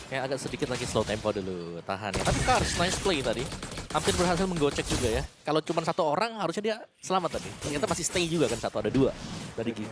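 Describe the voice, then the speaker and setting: A man's voice: fairly high pitch, very animated, fast talker, music in the background. A man with an Indonesian accent giving casual, analytical esports commentary as a co-caster. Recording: clearly noisy background.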